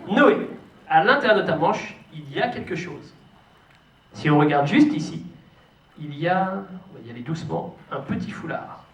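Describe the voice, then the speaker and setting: High-pitched man, kids' party magician in echoey hall. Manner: theatrical showman, playful teasing, coaxing children and audience. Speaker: stage magician hosting a children's magic show. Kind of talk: live kids' party magician patter to children and families. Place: show venue with a stage and live audience. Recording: echoey hall, distant mic, noisy audience.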